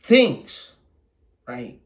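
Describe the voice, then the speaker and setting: This podcast host is a Puerto Rican man whose native language is Spanish. He delivers a casual, opinionated monologue that comes out blunt, profane, repetitive and halting.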